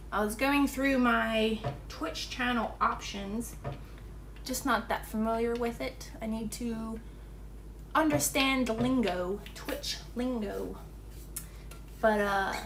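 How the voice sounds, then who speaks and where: A woman's voice: on the high side, slow, fairly bright tone, roomy sound, recorded from a distance, a little hiss or hum. A young woman hosting a home baking channel, chatting casually while doing chores in her home kitchen and cooing at her dog, picked up by a camera mic across the room.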